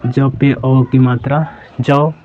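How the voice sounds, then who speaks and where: A man's voice: medium pitch, fairly even intonation, slow pace, a little mellow, slight background noise. Patient man teaching, repeating each sound. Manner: patient, repeats each syllable, checks in with viewers. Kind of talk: slow step-by-step lesson. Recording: dull lo-fi sound.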